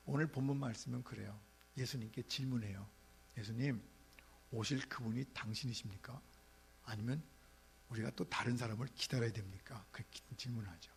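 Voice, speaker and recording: A middle-aged man preaching a sermon as pastor, animated, shouting out quoted rebukes now and then. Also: mid-range voice, creaky, slight background noise.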